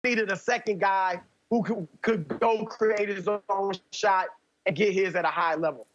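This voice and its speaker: A man's voice: high-pitched, fairly even intonation, measured pace, fairly bright tone, highs cut off. A man arguing his case as a sports analyst on a debate show, building it point by point.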